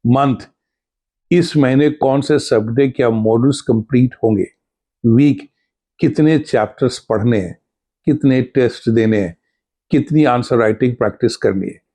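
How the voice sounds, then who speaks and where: Male teacher for a scripted exam-prep lesson. Slow and measured, soft warm tone, lists points one at a time. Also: medium pitch.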